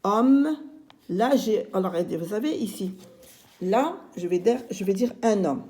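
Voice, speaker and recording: A middle-aged woman teaching young children in a slow, patient way. Her voice is soft and mellow, and she stretches each word out and says it again so the class can follow. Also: medium pitch, expressive. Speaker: primary school teacher.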